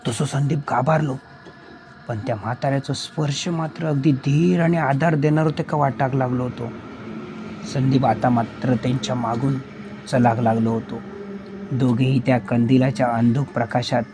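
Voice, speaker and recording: A man with a Malvani accent narrating a spoken horror story in a steady, suspenseful way. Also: medium pitch, moderate pace, noisy background.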